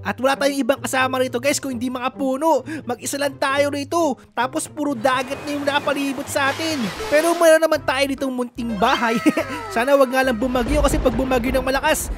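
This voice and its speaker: Giggly high-voiced Filipino woman gamer. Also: steady tone, fairly quick. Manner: playful, giggly, talks to viewers as "guys". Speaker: gaming channel host. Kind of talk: Roblox gameplay commentary. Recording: music playing under the voice.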